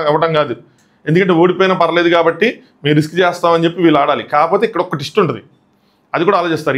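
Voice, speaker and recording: A man's voice: a little high, fairly bright tone. A man giving casual commentary as a TV show reviewer, recapping in a chatty way that mixes in English words. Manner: acts out quoted lines from the show.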